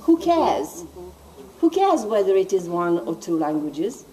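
A woman interpreting in a group discussion, speaking haltingly with many restarts, picked up by a distant camera in a meeting room. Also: fairly low pitch, sing-song, mellow, slight background noise. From Serbia. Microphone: far camera.

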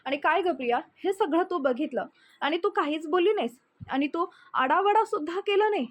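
A woman's voice: very high voice, animated, normal speed. A woman reading the lines of a young husband who speaks firmly and reproachfully. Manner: firm, reproachful. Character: firm young husband in a family drama.

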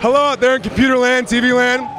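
A young man, a college football player, playing a showy fill-in TV host with a loud voice. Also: very high-pitched, fairly even intonation, quick pace. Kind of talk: mock broadcast intro. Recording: music and crowd noise behind.

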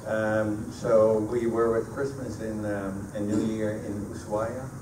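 A native Dutch, Dutch-accented sailor in middle age is the guest speaker at a sailing club meeting room, answering audience questions and frequently breaking off mid-sentence. His lowish voice has a flat delivery, picked up from his handheld PA mic by a camera across the echoey room, so it sounds distant and noisy.

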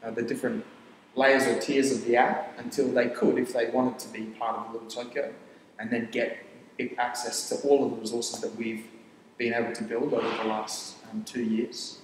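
A young man, a startup founder from Papua New Guinea whose first language is Tok Pisin, rambles through a casual interview on a studio set with armchairs. His medium-pitched voice keeps a level tone as he restarts phrases and rattles off ideas quickly. The echoey room gives a long reverb, and there's some background noise.

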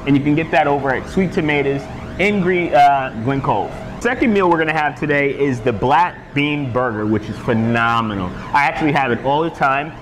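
An energetic young male fitness coach pitches healthy meals to the camera in a slightly raised voice, gesturing as he talks. Faint background noise sits under the camera mic. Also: normal speed. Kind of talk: upbeat fitness vlog presenting. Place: outside a restaurant, then at a table indoors.

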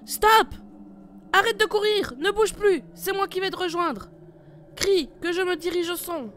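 A woman's voice: medium pitch, a little slow, a bit bright, a little hiss or hum, natural voice. A woman voicing a tough female squad leader in an amateur horror audio drama, giving curt, commanding orders. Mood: frantic. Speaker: team leader.

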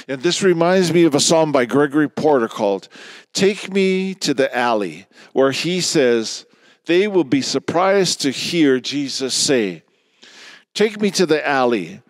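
An older man as pastor, reading a Lenten devotion and leading a prayer from the pulpit of a large church, speaking slowly and softly with hushed endings into a stand microphone. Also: medium pitch, no echo, clean studio sound. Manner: slow, measured, soft-spoken with trailing hushed endings. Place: large church sanctuary, indoors. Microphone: stand mic at pulpit.

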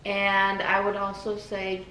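A woman's voice: medium pitch, completely flat delivery, slow, recorded from a distance, noisy background. Chatty teenage girl, slightly off-mic. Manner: chatty, laughs often, teasing. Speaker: daughter answering questions. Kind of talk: casual family chat. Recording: echoey room, voice a bit off-mic.

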